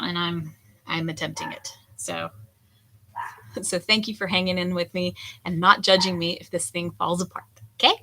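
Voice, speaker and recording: A hoarse woman in her forties, a potter chatting candidly while she throws clay at the wheel. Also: on the low side, pushed and bright, a little hiss or hum. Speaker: potter streaming a throwing session. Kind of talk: casual chat while working. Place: pottery studio with lo-fi music on.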